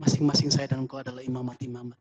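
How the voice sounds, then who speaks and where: A male pastor giving a fervent sermon at a church service streamed over a video call, rising to high pleading tones. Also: little pitch movement, racing, a little mellow, husky, soft background music, rough recording.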